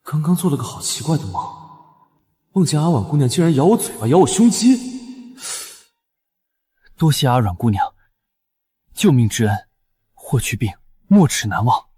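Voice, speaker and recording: A man's voice: medium pitch, big pitch swings, normal speed, pauses often, dark tone, slightly rough. A man voicing a bold young general who talks in an offhand, confident way. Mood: teasing. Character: bold young male general, cocky and brave.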